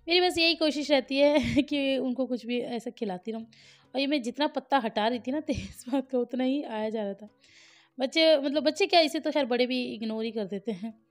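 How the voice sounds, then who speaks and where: An Indian mother chatting casually to her viewers in a home vlog, talking freely and laughing often, dropping soft and low when she turns reflective. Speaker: family vlogger, mother.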